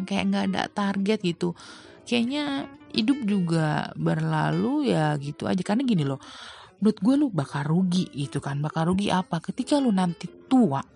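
Low, gravelly woman vlogger. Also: darkish tone. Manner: chatty, rhetorical questions, slangy. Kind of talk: casual advice monologue. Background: faint guitar music.

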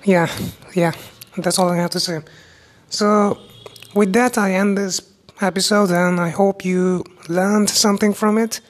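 A young woman from India with an Indian accent, a newly qualified doctor hosting her own medical podcast, talking alone in a halting way with many restarts and speech that is not very clear. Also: medium pitch, steady tone. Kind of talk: solo medical podcast talk.

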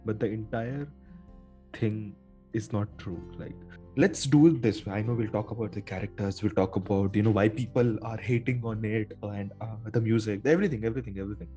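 Male podcast host, Indian accent, lowish mellow voice, informal and conversational, code-switches into Hindi. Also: brisk, faint music behind. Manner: informal, slips between English and Hindi. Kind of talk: casual chat.

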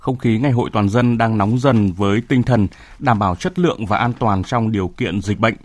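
A man's voice: lowish voice, normal speed, dry recording. A man reading a scripted introduction as a radio presenter.

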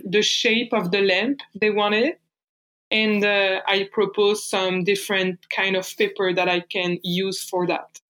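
Slow-talking French woman. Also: medium pitch, fairly bright tone, low-quality recording. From France. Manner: hesitant, many fillers and restarts. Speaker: paper artist guest. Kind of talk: casual interview answers.

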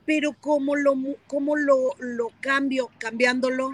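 A woman's voice: sits high, fairly even intonation, measured pace, low-quality recording. A woman on a podcast panel, talking emphatically and repeating her key words. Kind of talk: casual podcast panel talk.

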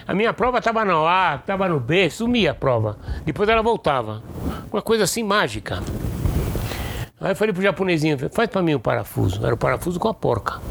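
A man's voice: fairly high pitch, slight background noise. An older man casually telling bawdy school stories to his son, acting out the voices of the people in them. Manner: animated, bawdy, acts out voices in anecdotes. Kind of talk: casual storytelling.

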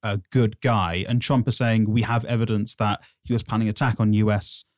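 A man giving casual news commentary as a podcast host, with hesitant, halting phrasing. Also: on the low side, little pitch movement, no echo, studio quality.

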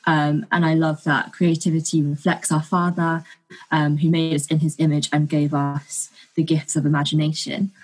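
Podcast guest: young woman, low and husky, thoughtful, plenty of ums. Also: flat delivery, moderate pace, low-quality recording. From London, England. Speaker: guest, architecture student. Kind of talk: casual podcast interview.

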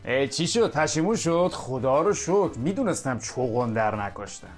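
A man's voice: mid-range voice, expressive, soft background music, close to an everyday voice. A man playing a grumbling middle-aged husband and father in a comic radio sketch, exasperated and ranting.

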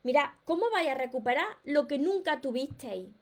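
High-voiced Spanish woman giving encouragement. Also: lively intonation, moderate pace. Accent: Peninsular Spanish. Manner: emphatic and encouraging, reads out viewer comments and greets viewers by name. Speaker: self-help author hosting a live stream. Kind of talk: motivational live-stream talk to viewers.

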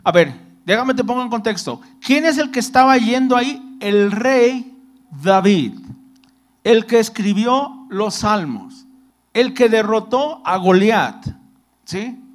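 High-voiced male preacher. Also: lively intonation, slow pace. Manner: addresses listeners as brother, asks many rhetorical questions; reads scripture aloud, then retells it in everyday words. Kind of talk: sermon.

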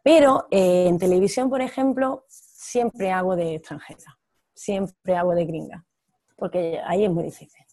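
A woman's voice: fairly low pitch, unhurried, warm tone, dry recording, clean studio sound. A woman who works as an actress abroad, talking candidly in an interview and laughing between her thoughts. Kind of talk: casual interview conversation.

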